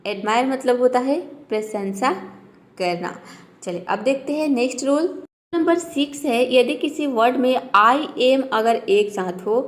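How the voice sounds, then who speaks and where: A woman's voice: a little high, lively intonation, a little slow. A woman teaching an English pronunciation lesson, patiently explaining step by step and talking directly to her viewers.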